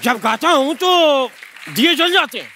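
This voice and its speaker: A man's voice: expressive, unhurried, a little hiss or hum. A man performing a comedy sketch, joking, singing and chanting to the crowd. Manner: joking, sings and chants in a high voice. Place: large TV studio stage. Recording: TV studio stage with loud music and audience. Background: loud music and a laughing studio audience.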